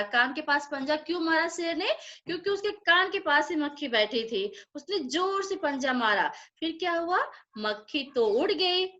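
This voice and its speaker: Woman teacher, story lesson for kids, high animated voice, slow, dull lo-fi recording. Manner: explaining, asking and answering her own questions. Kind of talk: reading a story aloud to children.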